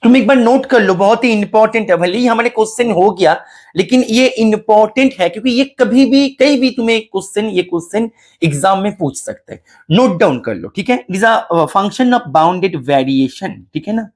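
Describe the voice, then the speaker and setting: A man's voice: sits high, lively intonation, fairly quick. A man giving a math exam-solution lecture, explaining step by step, mixing in English terms and calling his students beta. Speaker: mathematics teacher.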